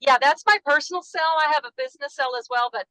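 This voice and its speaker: Bright high Texan woman calling from her car. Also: quick pace, no room sound, poor audio. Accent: Texan (Dallas). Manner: effusive, chatty, apologetic. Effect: calling in by phone while driving a car. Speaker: caller, notary. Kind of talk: casual chat on a video call.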